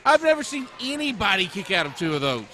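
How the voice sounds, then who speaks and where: A man's voice: sits high, sing-song, fast talker, bright, forceful tone, faint music behind. A man working as a wrestling color commentator, reacting to the match in an emphatic, dramatic way. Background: crowd at a wrestling event.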